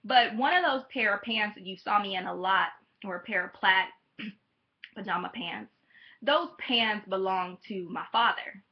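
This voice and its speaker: A woman in her thirties talking candidly to camera on her vlog, wandering off on tangents and pausing with soft ums. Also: mid-range voice, muffled recording. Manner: candid, rambling, drifts into tangents; soft-spoken and hesitant with frequent ums. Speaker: vlogger. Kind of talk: personal vlog talk to camera.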